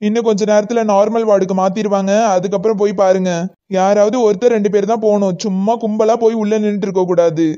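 A woman's voice: medium pitch, fairly even intonation, fast, dark tone, highs cut off, natural voice. A woman with a Kanyakumari Tamil accent voicing a harried, matter-of-fact hospital doctor in a cartoon. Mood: firm. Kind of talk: cartoon voice acting.

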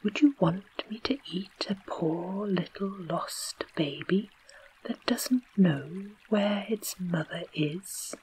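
A woman with an English accent voicing a gruff but tender-hearted male tiger in a low unvoiced whisper, as whispered role-play. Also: animated, extremely slow, slight background noise, full character voice.

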